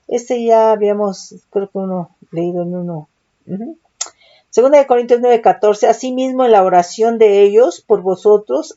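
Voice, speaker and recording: A woman's voice: medium pitch, dark tone, muffled recording. A woman teaching a Bible study, reading verses aloud and often checking in with "¿verdad?" as she explains. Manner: reads scripture, adds frequent "¿verdad?" checks.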